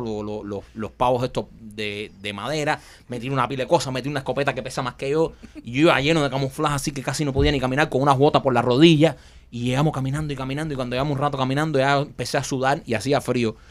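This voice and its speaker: A man telling a funny story in casual chat, acting out the quotes and laughing often. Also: medium pitch.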